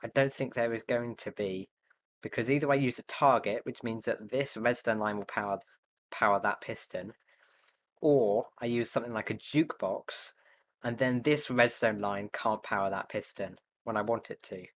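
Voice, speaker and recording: A young man livestreams, thinking aloud as he builds, hesitant and muttering to himself with many fillers. His voice is lowish at a normal speed, with a little hiss or hum.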